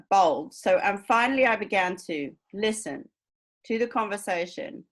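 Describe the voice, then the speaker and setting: A woman lecturer with a slightly low-pitched voice talks through her points step by step. She keeps checking in with her listeners by asking if they are following. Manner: explanatory, checks understanding with frequent "right?". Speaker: university lecturer. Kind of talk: recorded lecture.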